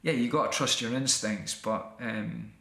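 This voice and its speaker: A man's voice: medium pitch, measured pace, bright, forceful tone, roomy sound. A middle-aged Scottish man, an actor and writer, talking reflectively as an interview guest with many restarts and fillers. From Scotland.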